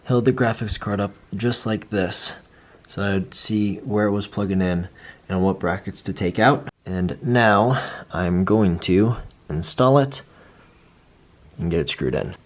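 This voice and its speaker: A man's voice: on the low side, measured pace. A young man casually walking through his first hands-on build, chatty and self-deprecating as he thinks aloud. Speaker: vlogger building a PC.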